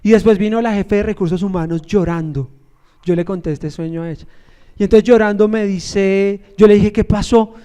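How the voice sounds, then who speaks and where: A man's voice: high voice, moderate pace, dark tone, clean tone. A man, a pastor, preaching a sermon in a conversational storytelling way, joking and asking the congregation questions.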